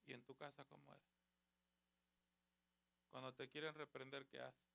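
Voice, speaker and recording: A man's voice: mid-range voice, flat delivery, moderate pace, creaky, sharp tone. A man preaching at a church youth service, exhorting with rhetorical questions and retelling conversations. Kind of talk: sermon.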